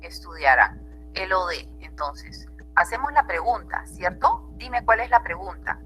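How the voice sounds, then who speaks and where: A woman's voice: medium pitch, big pitch swings, unhurried, fairly bright tone, faint music behind, rough recording. A woman teacher with a Peruvian Spanish accent, giving an online grammar class and checking in with her students often.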